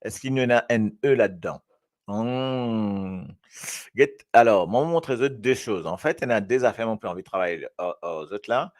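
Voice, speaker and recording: A man from Mauritius, hosting a live show and reading viewers' comments aloud in a lively, chatty way. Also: on the low side, normal speed. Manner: lively, switching between French and Creole, reading comments aloud. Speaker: host.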